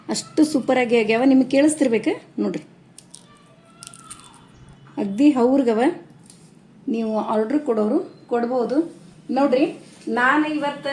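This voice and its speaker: A woman's voice: fairly high pitch, a little mellow. A woman vlogger with a North Karnataka Kannada accent, chatting casually with a shop owner, asking prices and speaking directly to her viewers. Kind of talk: casual vlog chat and shop visit. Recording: echoey room, mic at a distance, faint noise.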